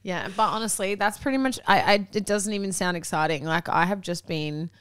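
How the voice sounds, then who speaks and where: A woman's voice: medium pitch, fairly bright tone, smooth, no room sound. A woman, co-hosting a casual podcast chat, talking freely and swearing often. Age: 20s. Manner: chatty, swearing, quick laughs. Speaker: podcast co-host.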